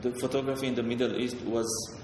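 A Syrian photographer, a guest here, talks hesitantly about his work in a mid-range voice, full of fillers, stops, and restarts. He sounds far from the mic in a large hall with a long echo, over a steady background noise.

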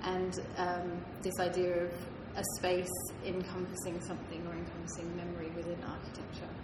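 A woman leads an interview in a fluent, measured way, pausing on small "um"s. Her voice sits on the low side. The room is echoey, with steady background noise behind her. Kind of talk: gallery talk interview.

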